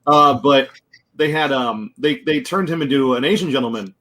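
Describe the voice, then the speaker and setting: A man's voice: medium pitch, normal speed, fairly bright tone, a little hiss or hum. A man who runs a comic shop, chatting casually on a group stream in a rambling way. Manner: chatty, rambling, laughs often. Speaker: comic shop owner, co-host. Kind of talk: casual chat.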